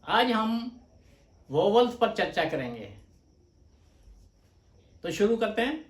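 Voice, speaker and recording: A man teaching a stenography lesson, explaining patiently and slowly with repeated examples. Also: sits high, sing-song, far from the mic. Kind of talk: slow explanatory lecture. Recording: echoey room, voice off-mic.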